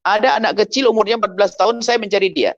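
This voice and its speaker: A man's voice: sits high, very fast, no room sound, muffled recording, pitched above the performer's own voice. A man voicing a determined adult searcher who questions people urgently. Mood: questioning.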